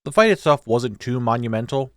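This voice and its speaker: A man's voice: mid-range voice, lively intonation, fairly quick, fairly bright tone, no room sound, studio quality. A young man giving a casual, joking scripted recap of his video game playthrough. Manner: informal, joking, occasional swearing. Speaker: gaming video creator.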